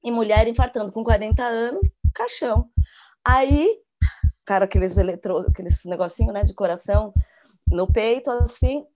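A woman's voice: a little high, expressive, moderate pace, darkish tone. A Brazilian woman in her forties, a podcast co-host, telling a story in casual chat and acting out her own panic. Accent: Brazilian Portuguese. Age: 40s.

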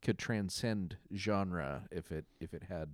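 A man's voice: low-pitched, slow pace, no echo, clean studio sound. A man co-hosting a podcast, talking in a rambling, hesitant way about music. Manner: rambling, hesitant, lots of fillers and restarts. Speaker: podcast co-host. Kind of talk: casual chat.

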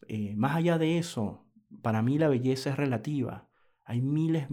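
Guy rambling on his podcast, warm mellow tone, stops and restarts, does little voices for quotes. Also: mid-range voice. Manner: thinks aloud with restarts and acted-out quotes. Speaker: podcast host. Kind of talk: reflective monologue.

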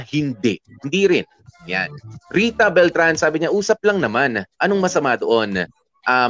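Guy with a sore throat hosting an advice show, lots of "ah"s, smooth voice, bit lo-fi. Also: medium pitch, fairly bright tone, no room sound. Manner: chatty, filler-heavy, mixes English into Tagalog. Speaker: advice show host reading listener comments. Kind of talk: casual chat.

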